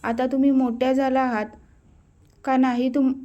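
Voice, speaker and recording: A woman voicing a cheerful middle-aged businessman father, relaxed and good-humoured. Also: high-pitched, moderate pace, dull audio, lightly acted.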